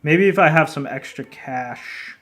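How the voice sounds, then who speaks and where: A slightly high, fairly bright voice belongs to this unhurried man, an indie game developer living in Japan as a foreigner. Streaming live, he rambles through replies to chat, laughing a lot and swearing casually, with a non-native accent in Japanese.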